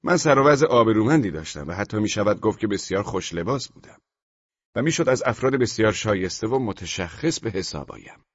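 Male audiobook narrator, husky tone, close dry sound. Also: lowish voice, animated, dry recording, dull audio. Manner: measured storytelling, with the dialogue lines acted out loudly. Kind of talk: scripted literary narration.

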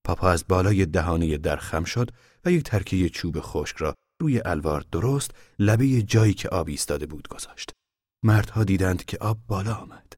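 A man reading a novel aloud as narrator, calm and measured, often dropping to a hush. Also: sits low, no echo, studio quality. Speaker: audiobook narrator.

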